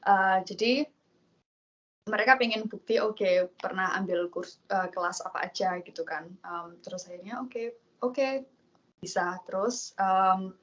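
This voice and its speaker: A young woman from Indonesia telling her story as an interview guest, pausing with many fillers and acting out quoted lines. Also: mid-range voice, fairly bright tone, dull audio. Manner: hesitant, many fillers, acts out quoted dialogue.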